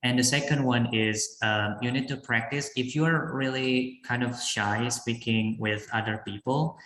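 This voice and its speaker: Speaking from a room with noticeable echo, this Indonesian guest fields questions in a live online class Q&A. He has a medium-pitched, slightly bright voice and a steady tone, but his delivery is halting and full of fillers and restarts.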